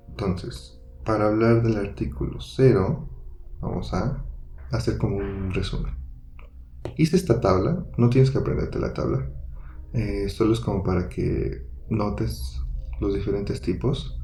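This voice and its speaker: A man's voice: on the low side, dark tone, roomy sound, slight background noise. A man teaching English grammar patiently, with frequent fillers and asides. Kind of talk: recorded grammar lesson.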